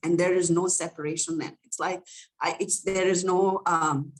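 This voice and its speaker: A woman spiritual coach guiding listeners in a livestream, speaking softly and emotionally, at times teary, with flowing, repetitive phrasing. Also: lowish voice, steady tone, normal speed, rough recording.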